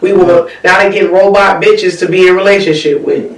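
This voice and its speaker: Slangy cussing podcast guy, high voice, mic kinda far off, echoey room. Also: fairly even intonation, normal speed. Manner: loose, slangy and profane, explains with numbers. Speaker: podcast co-host. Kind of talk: casual chat. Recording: roomy sound, mic set back.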